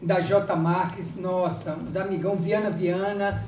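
A man hosting a live talk show, jovial and chatty, giving sponsor shout-outs. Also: high-pitched, flat delivery, measured pace, roomy sound, distant mic, slight background noise. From Brazil. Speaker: host.

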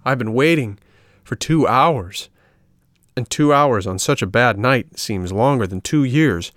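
A man's voice: medium pitch, lively intonation, measured pace, fairly bright tone, dry recording, clean studio sound. A man reading a storybook aloud and voicing an impatient, cold, pleading wooden boy puppet.

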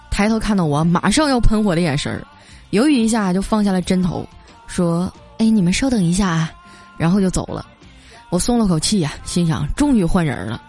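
A woman hosts a comedy story segment in a chatty, lively radio manner. Her voice sits in a middle pitch. Soft music plays faintly behind her. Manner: chatty, lively, sprinkles filler particles.

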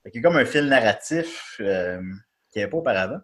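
A man's voice: medium pitch, expressive, fast, a bit bright. A man with a Quebec accent in casual commentary as a co-host, repeating words as he thinks aloud.

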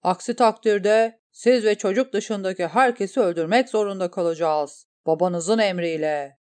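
A woman voicing a stern male guard commander who calls out orders loudly. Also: mid-range voice, moderate pace, no room sound, studio quality, natural voice. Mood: commanding.

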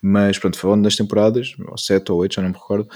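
A young man in casual chat, haltingly thinking aloud as he goes. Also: lowish voice, level tone, darkish tone.

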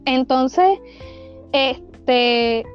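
A woman's voice: high-pitched, drawn-out words. A young woman with a Venezuelan accent tells a ghost story in casual, slangy chat, full of fillers and restarts. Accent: Venezuelan Spanish. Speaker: podcast storyteller. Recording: dull lo-fi recording with faint music.

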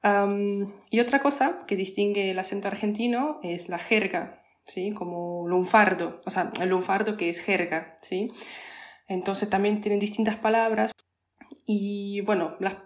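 A woman's voice: medium pitch, steady tone, measured pace. A woman whose first language is Polish talks casually as a podcast guest. She explains patiently and hesitates often, with many fillers and restarts. Her voice carries a roomy echo. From Poland. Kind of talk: casual interview chat.

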